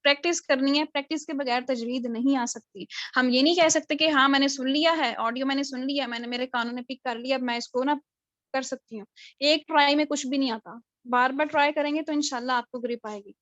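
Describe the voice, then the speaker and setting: A woman's voice: sits high, fairly even intonation, a little fast, fairly bright tone, dry recording. A woman teaching a tajweed class over a video call, drilling letter sounds again and again. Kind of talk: online class lecture. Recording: dull lo-fi video call audio.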